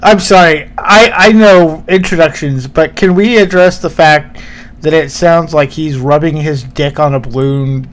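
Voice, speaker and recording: A man's voice: on the high side, a little slow. A man from Indiana, the show's technical producer, chatting in a crude, joking way. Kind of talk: casual podcast chat.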